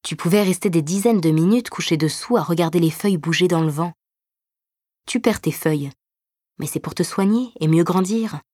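A woman voicing a gentle older brother who explains things patiently and reassuringly in a narrated story. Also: lowish voice, moderate pace, no room sound, studio quality, lightly acted. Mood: soothing.

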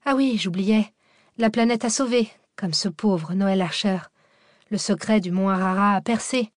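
A woman reading an audiobook, voicing a sharp-tongued, sarcastic young woman researcher. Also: medium pitch, a little slow, dry recording, studio quality, lightly acted. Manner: sarcastic, biting. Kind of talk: audiobook character voice.

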